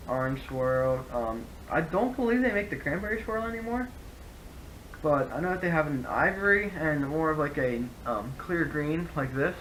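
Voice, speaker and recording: A man's voice: mid-range voice, a bit bright, a little hiss or hum, rough recording. A man giving a casual, rambling product review, often correcting himself as he explains. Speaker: hunting gear reviewer.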